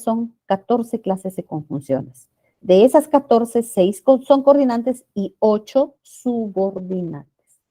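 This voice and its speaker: Woman teacher going over grammar, slow and careful, warm low-key voice, keeps checking the class gets it. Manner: addresses students as "jóvenes", checks in with "¿no?" and "¿ya?"; slow, deliberate explaining with stressed key words.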